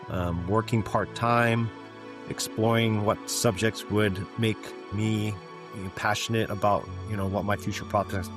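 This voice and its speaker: A Canadian man in middle age, a physician executive appearing as a guest, tells stories from his past in an interview. He speaks in a low voice at a steady, thoughtful, measured pace, reflecting often and leaning on fillers like "um" and "you know." Faint, soft music plays in the background.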